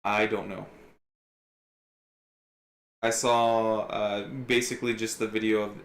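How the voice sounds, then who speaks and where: A man's voice: lowish voice, little pitch movement, slow pace, echoey room, slight background noise. A man streaming live while sculpting, chatting casually and swearing offhandedly. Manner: laid-back, swears casually.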